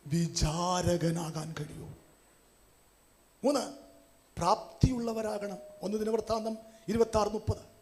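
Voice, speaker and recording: A male pastor, preaching a sermon with call-and-response, his voice rising at times to shouts. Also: sits high.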